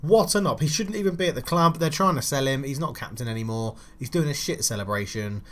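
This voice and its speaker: A young man giving casual, frustrated commentary while playing a football management game, swearing and shouting at his players. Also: medium pitch, fast talker. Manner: frustrated, swears, loud outbursts at his team. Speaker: gaming channel host.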